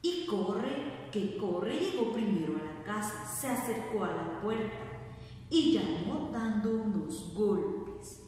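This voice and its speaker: A woman's voice: medium pitch, lively intonation, darkish tone, a little hiss or hum. A woman teacher tells a fairy tale to small children, taking her time and letting her voice rise and fall widely. She sounds far from the mic, in a room that rings with a long echo. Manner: slow, sing-song storytelling with questions to the class. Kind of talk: reading a fairy tale aloud to young children. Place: classroom or home recording for an online class. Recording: very echoey room, distant mic.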